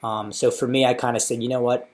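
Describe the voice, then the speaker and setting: Recording an informative video diary about his surgery, an American patient in his thirties speaks fast in a level, mid-range voice with a darkish tone. His manner is casual and matter-of-fact.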